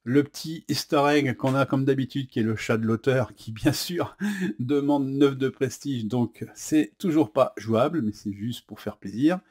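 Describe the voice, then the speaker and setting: A man's voice: mid-range voice, measured pace, a little mellow. A man with a French accent casually presenting and explaining a board game, chatty and hesitant, with many fillers. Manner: chatty, says "hop" as he flips cards. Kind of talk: casual unboxing and rules demo.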